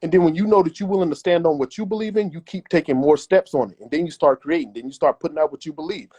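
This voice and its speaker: A man's voice: on the high side, fast, a little mellow, breathy edge. Emphatic man giving casual advice. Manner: emphatic and repetitive, acts out imagined voices. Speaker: interview guest.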